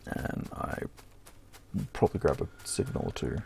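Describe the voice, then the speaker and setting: A middle-aged man giving casual gameplay commentary in a deadpan way, swearing lightly and muttering to himself. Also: a little slow, slight background noise. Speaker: gaming channel host.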